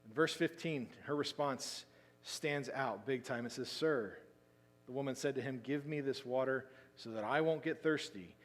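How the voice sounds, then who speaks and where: A man preaching a sermon as pastor, telling the story with lively emphasis that drops into quiet asides. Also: medium pitch, normal speed. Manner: animated storytelling, swinging between loud emphasis and quiet asides. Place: church sanctuary. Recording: long hall reverb.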